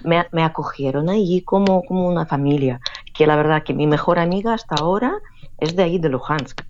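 A woman's voice: low-pitched, fairly quick. A woman from Russia, a Russian native speaker, talking as an interview guest, often searching for words and restarting her sentences. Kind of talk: conversational interview. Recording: dull lo-fi remote line with faint noise.

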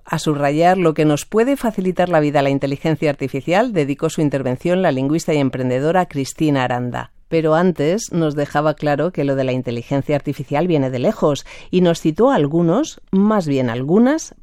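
A radio reporter reading scripted news narration in a clear, measured way. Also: medium pitch, lively intonation, dark tone, no echo, studio quality.

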